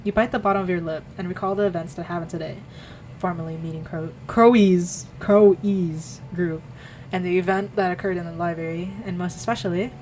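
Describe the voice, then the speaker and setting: A woman's voice: lowish voice, fairly even intonation, a little fast, a little mellow, soft background music, rough recording. Giggly young woman reading a visual novel. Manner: giggly, stumbles over words and corrects herself. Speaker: streamer.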